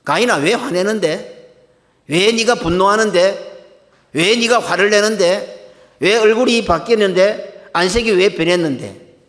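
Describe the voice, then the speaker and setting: A pastor voicing God's stern questioning voice. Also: male voice, on the high side, animated, fairly quick, big-room sound, lightly acted. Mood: stern, probing. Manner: pointed rhetorical questioning. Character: stern questioning divine male voice.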